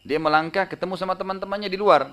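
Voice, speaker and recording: Fast-talking male preacher telling a story. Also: sits high. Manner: lively retelling, tags lines with a casual "gitu kan"; raises his voice to act out the shouts in the story. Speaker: Islamic preacher. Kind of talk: sermon storytelling.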